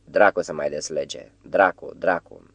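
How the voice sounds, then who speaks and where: Storybook: a troubled middle-aged writer, ironic and exasperated, read by a man in a low, dry voice. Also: steady tone, creaky, fairly bright tone, no echo, full character voice.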